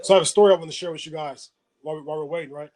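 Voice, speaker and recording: A man hosting a motivational webinar, telling a story and often checking in with a quick "right?". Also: a little high, fairly even intonation, a little mellow, low-quality recording. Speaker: webinar host.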